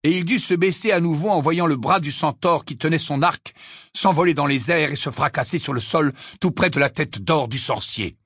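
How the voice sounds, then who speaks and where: An audiobook narrator reading a fantasy tale with dramatic, expressive delivery. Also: mid-range voice, normal speed, husky, no room sound, studio quality. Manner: expressive, lively storytelling.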